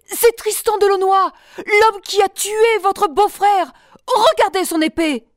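Proud queen in a learners' storybook, clear and deliberate, voiced by a woman, high voice, dry sound. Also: dry recording. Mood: intent. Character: proud middle-aged queen, vengeful then gentle.

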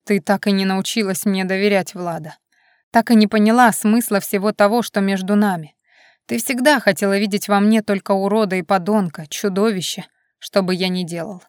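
A commanding young man with a dark, flat edge, as a woman reading aloud lowers her voice for him, and it sounds dry and close, with no room around it. He bites off every line with cold, stubborn control, like someone used to getting his way. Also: normal speed, no echo, close to an everyday voice. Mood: cold, controlled. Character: angry controlling young man, jealous lover.

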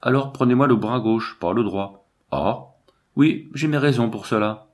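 A man's voice: mid-range voice, normal speed, lightly acted. A man reading an audiobook, voicing a suspicious and hostile male accomplice with a grating, curt manner. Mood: surly. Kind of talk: audiobook character voice.

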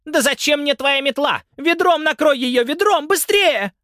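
A man's voice: very high voice, a little slow, pushed and bright, dry recording, studio quality, voice pushed up, exaggerated voice. A man voicing a hysterical, screaming wife in a domestic brawl, reading an audiobook. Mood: panicked. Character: brawling shrieking wife, furious and shrill.

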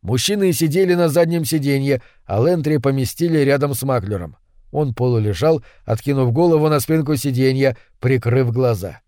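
A man narrating a horror story as an audiobook reading, in steady, measured storytelling. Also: mid-range voice, no echo, studio quality.

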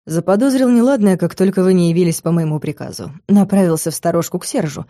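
A woman reading an audiobook, voicing a composed male academy rector who speaks in a measured, formal way. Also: on the low side, mellow, no echo, studio quality, lightly acted. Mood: calm, explaining. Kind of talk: audiobook character voice.

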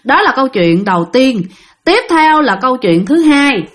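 Southern vietnamese lady retelling ghost stories, kinda high voice, swoops up and down a lot, talks right to the listeners. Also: normal speed. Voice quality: lively, dramatic retelling with chatty asides to listeners. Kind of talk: casual spoken storytelling.

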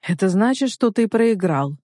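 A cold, composed henchman, voiced by a woman in a dry, close reading. He speaks slowly and calmly, unmoved by anything. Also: medium pitch, no echo, natural voice. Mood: calm coldness. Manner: calm, cold, unhurried. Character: calm, cold male henchman turned traitor.

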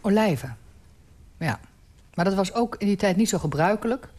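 In a relaxed radio interview about food, a woman in her forties speaks frankly and with strong opinions, stating her dislikes emphatically. Her mid-range voice is expressive and darkish, at a moderate pace.

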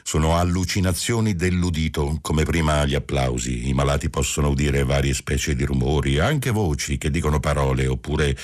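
A man voicing a calm, sly asylum doctor who explains things matter-of-factly. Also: extremely low pitch, moderate pace, few pauses. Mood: explaining.

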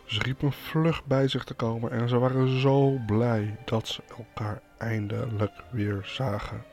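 A man's voice: medium pitch, flat delivery, a little slow, darkish tone, soft background music. A man hosting a podcast, retelling a fairy tale casually with wry, joking asides. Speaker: podcast host, storyteller.

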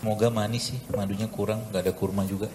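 A man's voice: on the low side, level tone, fast. A man, a doctor, giving a chatty, joking live health talk with a cooking demo to an audience in a large hall. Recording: echoey hall with room noise.

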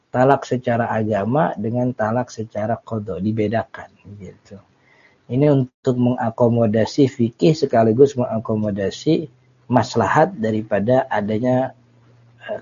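A man from Indonesia, giving a casual religious study lesson, reading Arabic lines and explaining them with relaxed jokes. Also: medium pitch, slightly rough. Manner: relaxed, joking, reads Arabic then explains. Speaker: Islamic teacher. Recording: dull lo-fi lecture recording.

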